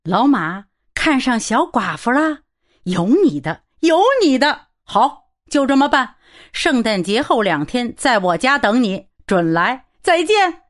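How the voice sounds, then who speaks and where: A woman voicing a boisterous, red-nosed middle-aged man who shouts heartily in an audiobook. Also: on the high side, very animated, unhurried, voice pushed up. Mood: jovial shouting.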